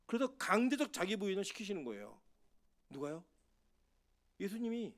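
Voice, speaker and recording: A man's voice: sits high, big pitch swings, normal speed. A man preaching a sermon as pastor of a church, asking the congregation questions and acting out Bible figures in quoted speech.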